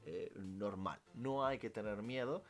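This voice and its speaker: A man's voice: fairly low pitch, a little slow, faint music behind. A man with an Italian accent, a language teacher answering questions in a casual vlog, talking freely and correcting himself as he goes. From Italy. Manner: animated, self-correcting, thinks aloud with fillers.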